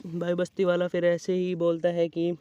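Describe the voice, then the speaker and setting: A man's voice: sits high, completely flat delivery, moderate pace, mellow, clear, resonant tone, no room sound. A man casually retelling a film's plot, rambling with fillers and placeholder words. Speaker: movie plot narrator. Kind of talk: casual movie recap storytelling. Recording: dull lo-fi mic, dry.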